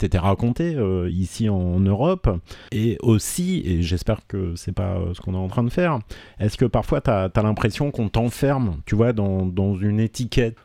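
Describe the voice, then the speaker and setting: Guy asking interview questions, kinda low and mellow, dry sound, careful. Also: dry recording. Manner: careful, tentative phrasing.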